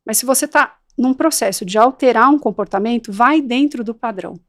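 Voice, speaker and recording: A woman, a guest in a podcast interview, speaking firmly and directly and acting out parents and children. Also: a little high. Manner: animated, acts out parents and children in quick voices; firm and direct.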